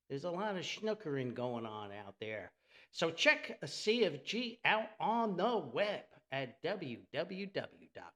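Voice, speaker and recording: A man with a high, fairly bright voice hosts a solo podcast, chatty and theatrical, with sponsor reads mixed in. He's an American from New Jersey with a folksy style, full of exclamations and repeated words for emphasis.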